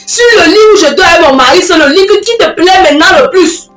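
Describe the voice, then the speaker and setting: A woman's voice: high-pitched, animated, normal speed, fairly bright tone. A woman, acting an exasperated married younger sister in a comedy sketch, scolding and lecturing emphatically. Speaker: comic actress. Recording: roomy, from a distance, faint music.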